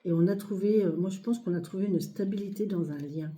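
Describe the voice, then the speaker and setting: A hoarse, short-of-breath woman speaking softly and hesitantly with many fillers as she reads cards in a casual video. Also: medium pitch, brisk. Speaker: card reader. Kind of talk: casual tarot reading video. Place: home, near a sleeping child, outdoor birds.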